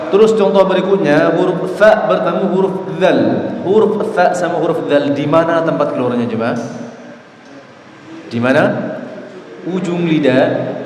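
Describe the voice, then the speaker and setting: A man teaching Quran recitation to a mosque congregation, quizzing them and chanting example verses slowly. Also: a little high, darkish tone, slight background noise. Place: mosque hall. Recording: echoey hall, faint ambience.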